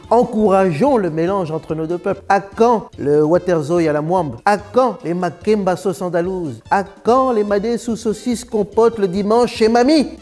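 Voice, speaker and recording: A male comedian of Belgian and Congolese background delivering a playful, teasing comic monologue. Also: high-pitched. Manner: playful, teasing, lively punchlines.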